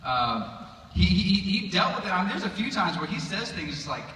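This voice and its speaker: Speaking in a high-sitting, sing-song voice with a sharp tone and moderate pace, this preacher reads scripture in a chapel hall and tosses in sarcastic jokes. The casual sermon was captured on a distant audience phone, so the hall echoes and slight background noise comes through.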